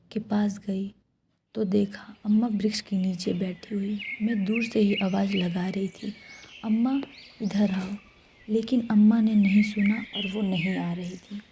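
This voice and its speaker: A woman's voice: mid-range voice, fairly even intonation, a little slow, warm tone, slight background noise. A woman whispering a first-person horror story throughout.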